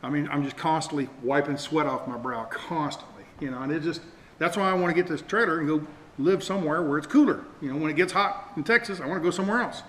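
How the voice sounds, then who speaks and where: A middle-aged do-it-yourself vlog host moves at a quick pace, his voice fairly high and fairly bright. Casual and folksy, he rambles through a hands-on show-and-tell while poking fun at himself. The audio, from a camera mic, carries faint noise and the echo of the room.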